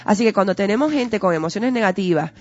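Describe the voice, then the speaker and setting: A woman's voice: medium pitch, expressive, fast. Earnest teacherly woman. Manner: earnest, teacherly, full of rhetorical questions. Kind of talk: conversational explanatory talk. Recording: dull lo-fi audio with faint music.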